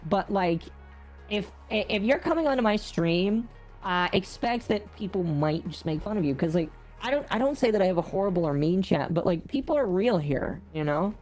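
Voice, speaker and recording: A soft-spoken man whose voice runs through a hardware voice changer that shifts it toward a woman's, chatting casually with a guest on his stream. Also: expressive, moderate pace, faint music behind. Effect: hardware voice changer shifting his pitch toward a low female voice. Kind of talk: casual chat.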